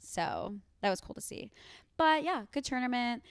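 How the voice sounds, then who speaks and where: A woman's voice: on the high side, lively intonation, moderate pace, vocal fry, clean tone, dry recording, studio quality. A young woman co-hosting a casual podcast chat, talking in a loose, bubbly way with many "like" fillers and laughs. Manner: chatty, full of "like" fillers and laughter. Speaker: podcast co-host.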